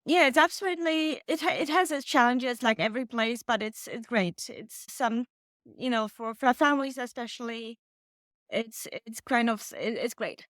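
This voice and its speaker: A woman's voice: on the high side, a bit bright, no echo, studio quality. A woman in her thirties from Poland, a native Polish speaker, answering interview questions with frequent restarts. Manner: halting, many restarts. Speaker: author guest. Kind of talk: casual interview.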